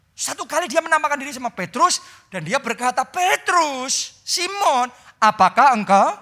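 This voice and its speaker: A male pastor preaching a sermon with an Indonesian accent, dramatic, moving from loud climaxes to hushed, prayerful lines. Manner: dramatic preaching that swings from loud and high to soft and low.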